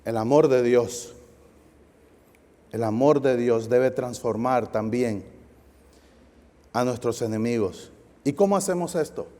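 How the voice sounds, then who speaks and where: A male guest pastor preaching a sermon, lively and asking the audience questions. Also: mid-range voice, slow, pauses often. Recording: long hall reverb.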